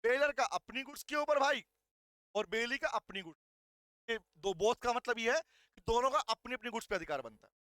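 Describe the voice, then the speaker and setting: Male law tutor, forceful delivery, dry close recording, slow statute reading, rhetorical questions to students. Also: very high voice, lively intonation, no echo. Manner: asks rhetorical questions and calls students "beta"; reads the statute lines out slowly, word by word. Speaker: law lecturer. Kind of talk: recorded exam revision lecture.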